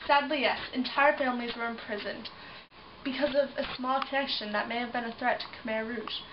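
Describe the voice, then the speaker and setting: A woman playing a young survivor of a prison camp, speaking in a solemn, measured way in a mock news interview. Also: on the high side, fairly even intonation, natural voice. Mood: grave. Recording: dull distant recording with noise.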